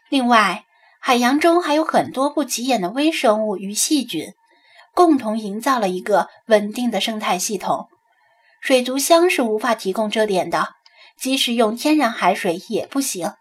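Breathy woman narrating a novel. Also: fairly high pitch. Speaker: audiobook narrator. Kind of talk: scripted narration.

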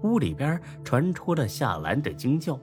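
A man narrating an urban novel as an audiobook, telling it in a lively, wry storytelling manner. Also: mid-range voice, moderate pace. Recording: faint background music.

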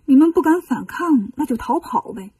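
A woman's voice: high voice, animated, normal speed, warm tone, no room sound, distant mic. A woman voicing a cheeky, boastful male monkey king hero in a children's storybook reading, in a playful, teasing manner. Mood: teasing, confident.

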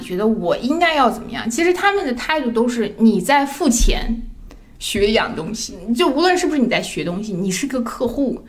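A woman's voice pitched slightly higher than most, and she tells her stories in an animated way. She lets her voice rise when she acts out what others said to her, and she laughs through the telling. It sounds like a casual conversation. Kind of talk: casual chat, personal storytelling.

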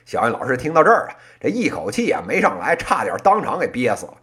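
Animated Beijing-accented solo podcast host, crosstalk style. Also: mid-range voice, quick pace. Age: late 30s. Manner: colloquial plain speech with erhua and frequent interjections. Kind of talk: comic monologue in one-person crosstalk style, business commentary.

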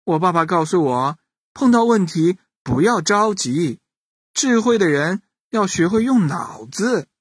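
A man's voice: sits high, lively intonation, a little slow, husky, no room sound, clean studio sound, full character voice. A man voicing a cheerful, clever little cowherd boy who eagerly offers help, in a bedtime storybook reading. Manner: bright, eager and reassuring.

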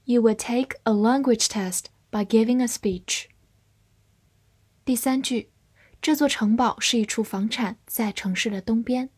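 A woman's voice: fairly high pitch, a little mellow. A woman English teacher drilling vocabulary, saying each word twice and then giving its meanings. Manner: slow, clear word-by-word drilling. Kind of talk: vocabulary lesson.

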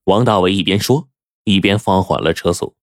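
A man's voice: normal speed, no room sound, studio quality. A man telling a dramatic story aloud, acting out the characters with big swings in his voice. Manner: animated, acts out characters' lines with sharp pitch jumps.

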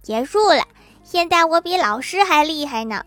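A woman's voice: sits high, a little slow, sharp tone, no room sound, faint music behind, pitched above the performer's own voice, full character voice. A woman doing a smug little schoolgirl. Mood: smug childish.

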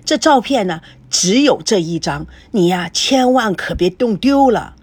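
A woman reading the lines of an elderly grandfather in an audiobook, in a slightly lowered, steady voice. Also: a little slow, slightly rough. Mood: earnest. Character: grandfather, elderly man, reserved and earnest.

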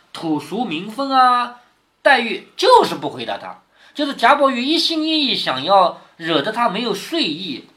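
A man's voice: sits high, pushed and bright. A man reading a classic novel aloud to his daughter, stopping to explain passages and ask her questions. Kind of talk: storytelling with commentary.

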